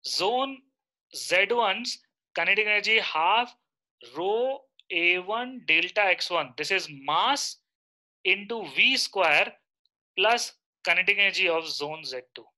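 A man's voice: sits high, lively intonation, slow pace, pushed and bright, poor audio. A man in his thirties with an Indian accent, teaching a live online lecture and often checking in with short questions.

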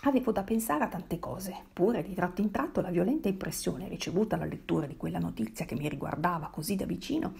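A woman's voice: lowish voice, quick pace, creaky, hardly any pauses, mellow, husky. A woman reading a novel aloud in the first person, dramatic, dropping into whispered asides. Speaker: reader.

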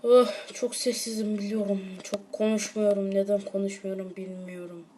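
A woman giving rambling, excitable commentary on a mobile game, breaking into frustrated outbursts, recorded on a tablet microphone. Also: medium pitch, normal speed, slight background noise. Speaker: mobile game let's player. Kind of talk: casual gameplay commentary. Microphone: tablet mic, screen-recorded.

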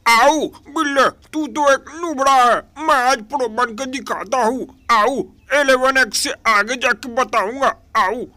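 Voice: sits high, unhurried, few pauses, sharp tone, no echo. A performer voicing a rowdy, bragging cartoon dog who yelps before his lines. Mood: boastful.

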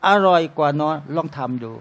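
A man with a high-pitched voice teaches a room full of listeners in a relaxed, conversational sermon. He keeps addressing them as brothers and sisters and throws rhetorical questions at them. He slips into short, jokey everyday scenes along the way. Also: a little fast. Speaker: Islamic religious teacher. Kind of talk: informal sermon to a live audience. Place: restaurant used as a talk venue.

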